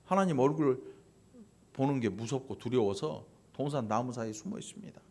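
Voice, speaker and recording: A male pastor preaching a sermon in a church, animated and prodding his congregation with quick asides. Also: medium pitch. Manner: animated preaching, acting out quoted voices, frequent "응?" and "어?" to the congregation. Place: church sanctuary.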